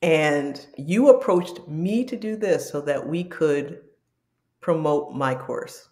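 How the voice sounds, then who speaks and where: A woman's voice: deep voice, slow, a little mellow. A woman in her fifties, a doctor and weight-loss coach, speaking heartfelt and laughing easily as a guest. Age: 50s. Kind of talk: livestream conversation.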